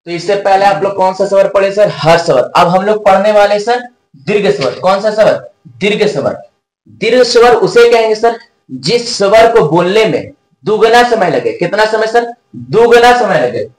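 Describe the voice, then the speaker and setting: A man teaching a grammar lesson, asking questions and answering them himself, drawing out sounds slowly to show them. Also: high-pitched, reverberant, poor audio. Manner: slow, drawn-out demonstration of sounds.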